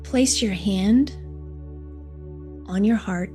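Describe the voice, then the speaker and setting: A woman leads a guided meditation in a soft, soothing delivery. She reads very slowly, in short phrases with long pauses, at a medium pitch. New-age music plays clearly behind her. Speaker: live stream meditation host. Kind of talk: slow guided meditation, read from a script.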